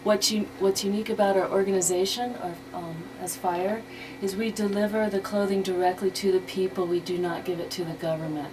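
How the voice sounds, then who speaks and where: A woman, interviewed as a guest on the radio, talks conversationally as a charity organizer. Her medium-pitched voice is steady and fairly quick, and the radio recording is clearly noisy.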